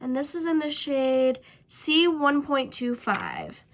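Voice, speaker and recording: Speaking slowly, a young woman with a cold gives a makeup tutorial, her high voice swooping wildly in pitch. The beauty vlogger sounds stuffy and nasal, and her casual talk leans heavily on "um" and "like."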